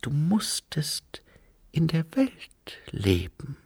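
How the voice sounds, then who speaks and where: A man voicing a sharp, questioning young woman who often drops to a breathy hush, in an audiobook reading. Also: low-pitched, very animated, slow pace, no room sound, studio quality, voice pushed up, heavily acted. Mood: tense hushed.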